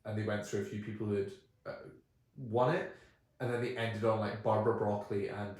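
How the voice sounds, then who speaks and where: A man co-hosting a podcast, telling stories in an animated, casual way with quick asides. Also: lowish voice. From United Kingdom. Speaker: podcast co-host. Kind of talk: casual film chat. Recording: echoey room.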